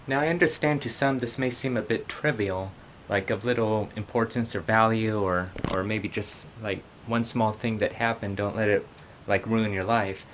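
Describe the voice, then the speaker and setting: This young vlogger sits on the low side, speaking at normal speed in a steady, fairly bright tone with slight hiss or hum. He earnestly recounts a story while strolling through a park near traffic, full of restarts and repetitions.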